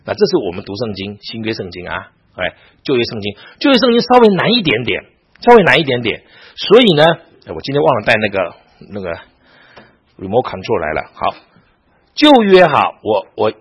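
A man's voice: lowish voice, big pitch swings, a little fast, husky, lo-fi sound. A man, a pastor, lecturing a Bible class, telling stories and often asking his listeners rhetorical questions.

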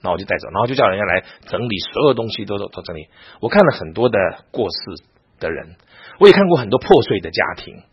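Husky-voiced male pastor teaching a class. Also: fairly low pitch, big pitch swings, fast, muffled recording. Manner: storytelling with frequent rhetorical questions to the class. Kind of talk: Bible class lecture.

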